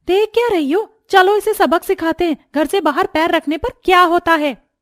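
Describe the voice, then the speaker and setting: A woman's voice: a little high, big pitch swings, moderate pace, mellow, no echo, clean studio sound. A woman voicing a cruel, scheming sister-in-law in a cartoon story, with harsh threatening talk.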